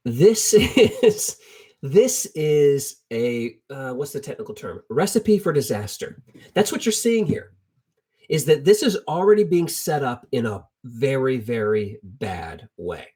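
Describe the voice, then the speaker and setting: In a conversational, story-driven sermon, a middle-aged preacher walks through a Bible lesson, using colloquial language and repeated phrases for emphasis. He speaks slowly in a mid-range, sing-song voice that is dark with a breathy edge.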